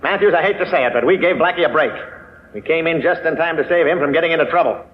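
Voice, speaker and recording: A man playing a gruff blustering police inspector. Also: on the high side, fast, close to an everyday voice. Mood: grumbling. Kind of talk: 1940s radio acting. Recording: dull old radio recording with faint hiss.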